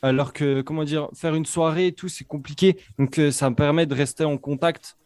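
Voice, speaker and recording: Young man, Franche-Comté accent, hesitant casual talk, slightly high voice, dry close sound. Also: steady tone, a little fast, darkish tone, no echo. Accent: Franche-Comté French. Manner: hesitant, many fillers and restarts. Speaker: DJ and Twitch streamer, guest. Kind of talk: casual interview chat.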